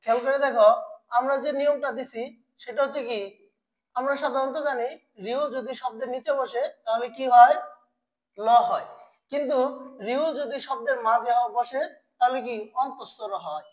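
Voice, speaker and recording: A woman teaching Korean pronunciation in an online lesson, asking questions and then answering them herself, and repeating key sounds slowly for her learners. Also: high voice, fairly even intonation, rough recording.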